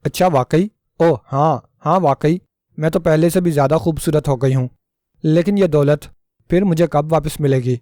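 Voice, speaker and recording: Flustered storybook young wife, anxious pleading, read by a man; a bit high, mellow. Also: no echo, studio quality, close to an everyday voice. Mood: panicked. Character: flustered naive young wife, easily frightened.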